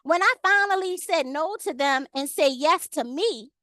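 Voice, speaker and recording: Over a video call, a woman gives an online Bible study lesson, reading the verses steadily and then speaking straight to the women in the group by name. Her high, light voice sounds pushed and bright, with lively intonation and a moderate pace, recorded dry without room echo.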